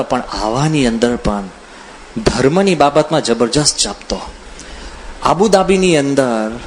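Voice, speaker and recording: Animated storytelling monk, man. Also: on the high side, slight background noise. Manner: animated, acts out quoted voices, chuckles while telling anecdotes. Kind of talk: humorous storytelling discourse.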